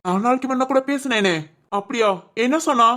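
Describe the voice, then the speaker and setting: A woman voicing young brothers who plot revenge in low, conspiratorial talk, in an amateur family drama. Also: brisk, a bit bright. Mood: plotting.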